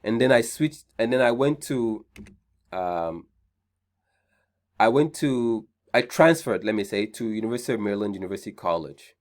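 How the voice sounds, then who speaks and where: A man's voice: fairly low pitch, lively intonation, moderate pace, a little mellow. A man with a Nigerian accent hosting an online career seminar, chatty, often repeating his points and checking in with "right?". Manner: conversational, repeats key points, frequent "right?" check-ins. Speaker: seminar host.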